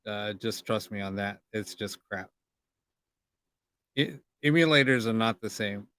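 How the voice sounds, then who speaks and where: A man hosting a casual live ghost hunting session, talking informally and haltingly and putting questions to spirits. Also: on the low side, fairly bright tone.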